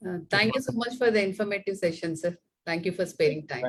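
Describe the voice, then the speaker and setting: A woman's voice: mid-range voice, quick pace. A woman with an Indian accent moderating a webinar, relaying questions politely and deferentially.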